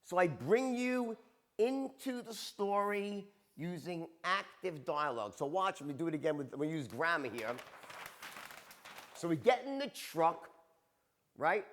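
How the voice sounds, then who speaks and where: A man's voice: on the high side, unhurried. Guy teaching storytelling to a crowd, voice bouncing all over, keeps going "right?" "okay?". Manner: animated, tags points with "right?" and "okay?". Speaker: sales trainer. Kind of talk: storytelling seminar talk.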